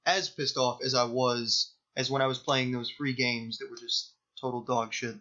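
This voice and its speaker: A man's voice: mid-range voice, fairly even intonation, normal speed, pushed and bright. Crude joking young Southern man. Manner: crude, joking, heavy swearing. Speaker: podcast co-host. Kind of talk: casual chat. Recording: dull lo-fi podcast audio.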